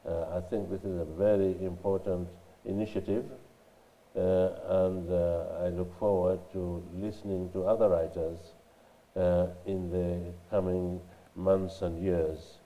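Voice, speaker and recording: An older man with a nasal voice from a cold, answering interview questions in a measured way with many pauses and fillers. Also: low-pitched, little pitch movement. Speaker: interviewed scholar and writer. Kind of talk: recorded library interview. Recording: dull sound with long reverb in a hall.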